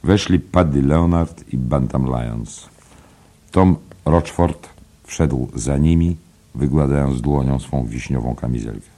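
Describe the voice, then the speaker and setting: A man reading literary narration for an audiobook in a measured way. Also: extremely low pitch, dark tone.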